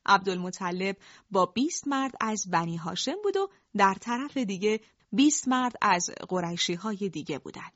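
A woman's voice: medium pitch, very animated, fairly bright tone, no echo. Woman telling a story, dull dry sound. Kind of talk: storytelling narration.

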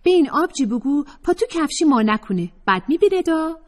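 A woman narrator voicing a brash young woman student who talks in a sassy, loud, mocking way. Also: sits high, sing-song, pitched above the performer's own voice. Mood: teasing.

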